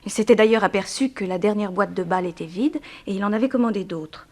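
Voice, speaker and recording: The actress speaks in a mid-range, slightly mellow voice, lightly acted, as a composed young daughter in mourning who is frank but guarded. It's a 1960s French radio drama with measured theatrical diction, and she sounds thoughtful.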